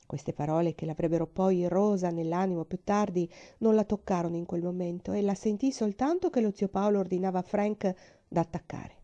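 A woman narrating a classic novel aloud as an expressive, suspenseful audiobook reading. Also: lowish voice, brisk, few pauses, lo-fi sound. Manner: dramatic, suspenseful.

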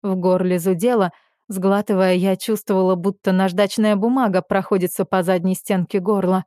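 A woman's voice: medium pitch, little pitch movement, moderate pace, dark tone, dry recording, clean studio sound. A woman narrating a first-person novel as an audiobook, with intimate, emotional storytelling.

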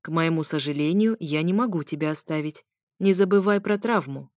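A woman's voice: sits low, a little fast, a little mellow, no room sound, close to an everyday voice. A smug man needles his ex-wife with dry sarcasm and stern, firm lines, as a woman reader gives him voice. The sound is close and dry, with no room around it. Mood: mocking. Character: smug, mocking male ex-husband.

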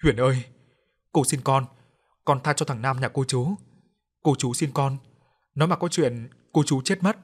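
A man's voice: medium pitch, a little slow, long pauses, slightly rough. A man playing a frantic begging mother. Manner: frantic, pleading. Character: desperate middle-aged mother begging for her son.

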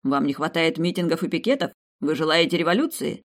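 A man voicing a young male emperor who scolds his ministers with slow, sarcastic rebukes in an audiobook. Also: on the high side, expressive, lightly acted. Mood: cold anger. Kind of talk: audiobook character voice.

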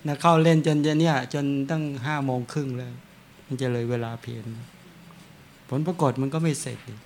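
Monk, man, relaxed storytelling sermon, slightly higher voice. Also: moderate pace, a little hiss or hum. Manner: chatty, tells anecdotes with frequent chuckles. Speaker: Buddhist monk. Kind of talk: dharma talk with storytelling.

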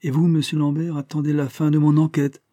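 A man voicing a calm, authoritative male chief inspector who speaks in a measured, firm way. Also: a little high, dry recording, studio quality, pitched above the performer's own voice, close to an everyday voice.

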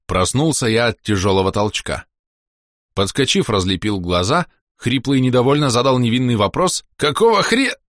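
A man narrating a fantasy audiobook in an expressive, wry storytelling manner. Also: medium pitch, moderate pace, no room sound, studio quality. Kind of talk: scripted narration.

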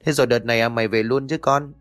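A man's voice: mid-range voice, steady tone, fast talker, fairly bright tone, lightly acted. A man voicing a nosy, blunt old village woman who scolds and gossips as she tells what she saw. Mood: gossiping.

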